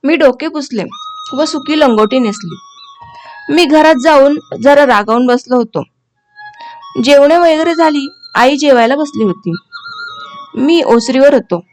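Woman storyteller, high voice, steady expressive reading, faint background music. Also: a little slow, long pauses. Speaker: audiobook narrator. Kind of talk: storytelling narration.

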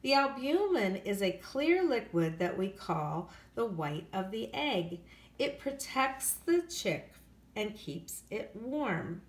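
This woman, an elementary school teacher, speaks slowly in a medium, sing-song voice as she reads a children's nonfiction book with careful, clear phrasing and emphasis for young listeners. It's a handheld phone recording made indoors in her hard-surfaced kitchen, and the sound is echoey.

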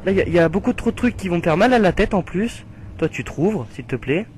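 A young man commentating his horror game play, screaming and swearing in panic, then muttering quietly. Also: high-pitched, lively intonation, fast, slight background noise. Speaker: gamer playing horror games.

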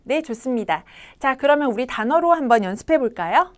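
A woman with a Korean accent teaching children English pronunciation, slowly coaching them to repeat each sound. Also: high voice. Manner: slow, lively, coaching kids to repeat sounds.

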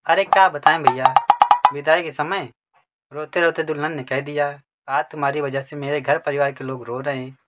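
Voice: medium pitch, fairly even intonation, moderate pace, fairly bright tone. A speaker telling a playful comic story in a sing-song way. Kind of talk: comic storytelling dialogue with music.

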